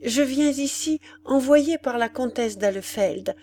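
A woman's voice: sits high, measured pace, warm tone, slight background noise, pitched above the performer's own voice. A woman reading aloud, voicing a desperate young woman who pleads with her beloved in an impassioned, tearful way. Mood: urgent.

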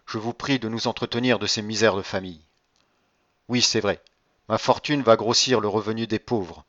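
A man's voice: on the low side, fairly bright tone, no room sound, dull audio, close to an everyday voice. A man voicing a proud, indignant French magistrate in an audiobook reading, speaking emphatically.

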